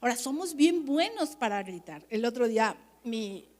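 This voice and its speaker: A woman pastor, preaching at a leaders' conference in an animated, chatty way, often checking that the audience agrees. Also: a little high, moderate pace.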